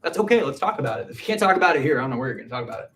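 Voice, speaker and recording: A man's voice: mid-range voice, very animated, racing, a bit bright, far from the mic, a little hiss or hum. A man preaching a casual midweek sermon, chatty and full of "like" fillers. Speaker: pastor.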